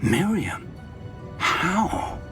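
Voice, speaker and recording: An actor playing a scholarly older British wizard professor in a video game, speaking in formal, measured, gently wry phrases. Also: male voice, high voice, big pitch swings, music in the background, full character voice. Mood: puzzled. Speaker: professor and mentor. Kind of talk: cinematic video game acting.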